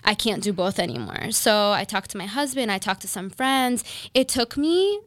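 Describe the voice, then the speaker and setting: A woman's voice: medium pitch, expressive, moderate pace, fairly bright tone, no echo. A woman in her thirties, a makeup artist and business owner, telling her story in a casual interview with many fillers and restarts.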